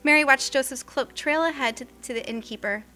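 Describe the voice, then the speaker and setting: A woman narrating a scripted story in an expressive, tender way. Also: sits high, a little fast. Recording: faint music underneath.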